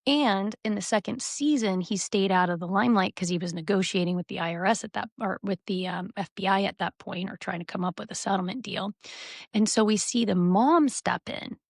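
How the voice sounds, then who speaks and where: A woman co-hosting a podcast, telling reality TV stories in an animated, gossipy way. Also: medium pitch, fairly quick, gravelly, no echo, studio quality. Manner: animated storytelling, recounting reality TV scenes. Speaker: podcast co-host. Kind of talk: casual podcast chat.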